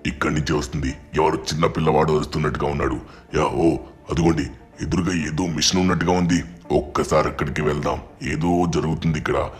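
A man playing a deep-voiced steady inspector. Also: quick pace, faint music behind. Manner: reassuring, steady. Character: calm, dutiful male police inspector. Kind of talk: voiced game machinima story.

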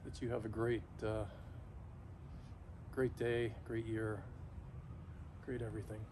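A middle-aged man talking casually and haltingly to camera outdoors, shivering in ice-cold water, pausing often mid-thought. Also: lowish voice, flat delivery. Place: backyard, outdoors, in an ice bath. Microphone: camera a few metres away. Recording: noisy outdoor recording, ambient hum.

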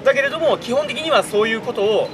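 A man's voice: very high voice, animated, fast talker, far from the mic, over music. A man bantering casually in old-fashioned, emphatic Japanese warlord speech, as a costumed performer outdoors. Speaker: costumed samurai performer, host. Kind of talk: casual banter in archaic samurai-lord Japanese. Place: outdoors in a park under a large tree. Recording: noisy outdoor park, crowd and ambience.

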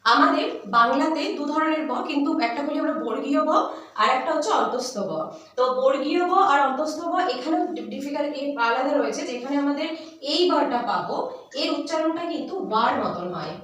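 A high-pitched woman teacher who walks her students patiently through each letter and sound. She sounds set back from the mic, and her voice rings in a very echoey room. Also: expressive, fairly quick, fairly bright tone, recorded from a distance. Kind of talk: basic language lesson.

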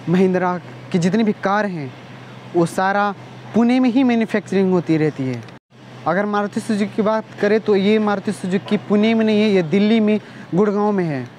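A man's voice: high-pitched, a little mellow. A young man casually explaining things in a vlog, hesitant and full of fillers, recorded on a phone on a rooftop outdoors. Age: young adult. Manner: hesitant, many fillers and restarts. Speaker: vlogger. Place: rooftop outdoors over an industrial area. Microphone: phone camera held close. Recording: outdoor phone recording with faint street noise.

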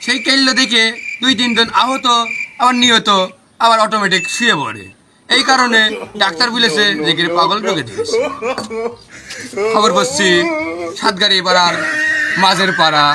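A man's voice: high-pitched, moderate pace, pauses often, over a noisy crowd, close to an everyday voice. A man with a western Bangladeshi accent from the Chuadanga area playing a mock-serious, repetitive parody news anchor. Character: parody village TV news anchor, absurdly solemn.

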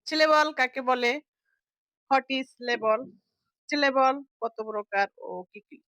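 A young woman teaching a lesson, slowly explaining and repeating words as she breaks them into parts. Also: sits high, fairly bright tone, no room sound, rough recording.

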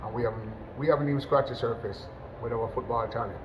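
A middle-aged man from Jamaica talks easily about a match, his voice at an average pitch for a man. He rambles a little, leaning on fillers and restarting phrases. A steady, clearly audible noise runs underneath the webcam sound. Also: quick pace. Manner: relaxed, conversational, many "you know" fillers and restarts. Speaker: national team football coach. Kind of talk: post-match interview. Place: indoors, in front of a sponsor backdrop.

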